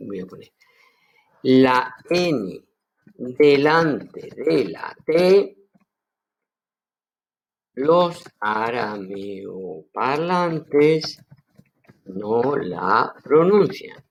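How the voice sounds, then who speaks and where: Lively, slow-spoken Andalusian man teaching. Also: mid-range voice, vocal fry. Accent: Andalusian Spanish. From Seville, Spain. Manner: enthusiastic, lively explainer who repeats words slowly. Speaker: Aramaic teacher. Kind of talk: online language lesson.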